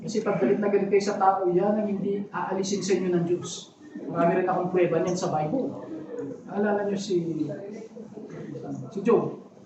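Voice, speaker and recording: Man, pastor, sermon, chatty asides to the congregation, high voice, distant mic, echoey church hall. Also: fairly even intonation, moderate pace, long pauses, background noise. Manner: conversational preaching with frequent asides to the congregation.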